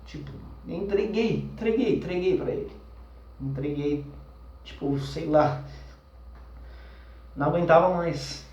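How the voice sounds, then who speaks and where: Young man, Brazilian Portuguese accent, somewhat high voice, intense storytelling, reverberant room, mic set back. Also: muffled recording. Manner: intense, shifts between fast agitated bursts and slow hushed trailing, many fillers. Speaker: vlogger telling a personal experience. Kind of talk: personal storytelling. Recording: roomy, mic at a distance.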